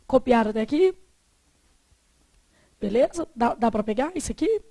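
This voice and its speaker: A woman's voice: a little high, animated, moderate pace, warm tone. A middle-aged Brazilian woman teaching a Portuguese grammar lesson, chatty and asking the class rhetorical questions.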